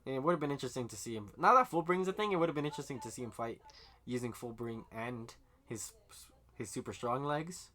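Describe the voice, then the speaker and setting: A man's voice: medium pitch, lively intonation, quick pace, bright, forceful tone. A man chatting casually about a manga arc, swearing freely, laughing often and acting out the characters' lines. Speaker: podcast co-host. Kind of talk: casual chat recapping manga.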